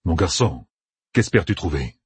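A man voicing a calm, measured older male minstrel in an audiobook. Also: sits low, husky, dry recording, exaggerated voice.

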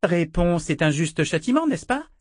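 A man voicing a cruel, taunting little princess, high and shrill. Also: sing-song, normal speed, no room sound, clean studio sound. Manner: taunting, gloating.

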